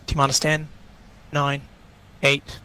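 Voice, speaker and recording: Male launch director heard over a far-off space radio link; dead-level, bright-toned, clipped procedural countdown calls. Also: medium pitch, takes it slowly, clear, resonant tone. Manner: flat, clipped procedural callouts. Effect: distant space radio comms feed. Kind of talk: mission control countdown callouts.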